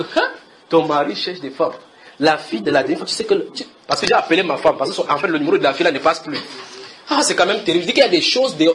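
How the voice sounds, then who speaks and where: A man preaches at a house church, spinning a story with rapid-fire delivery. His voice sits a bit high for a man, and he keeps turning to his listeners to draw them in. A faint hiss of background noise lies under the recording. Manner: animated storytelling, calling on listeners. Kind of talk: sermon.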